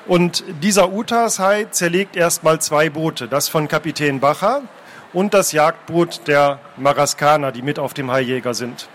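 A man reading fantasy adventure prose aloud, taking turns with a second reader and shouting out the characters' cries. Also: fairly high pitch, a little slow, a little hiss or hum. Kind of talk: dramatic book reading, alternating narration.

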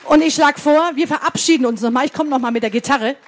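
A woman reading a fairy tale aloud to children in a slow, expressive way, pausing to ask them questions. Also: sits high, some chatter behind. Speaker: storyteller for children.

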